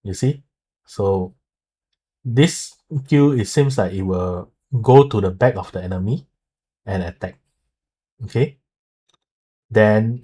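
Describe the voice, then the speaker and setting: Husky, low-voiced man explaining as he goes. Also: warm tone. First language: not Mandarin; speaks it haltingly. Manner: halting, explanatory, with frequent okay and so. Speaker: streamer and video creator explaining a game. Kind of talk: casual live commentary translating an article.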